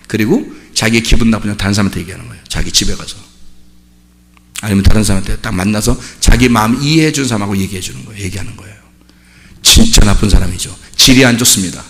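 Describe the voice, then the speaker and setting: A man preaching a sermon as pastor, swinging from quiet, conversational asides to loud shouting. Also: mid-range voice. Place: church sanctuary. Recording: long hall reverb.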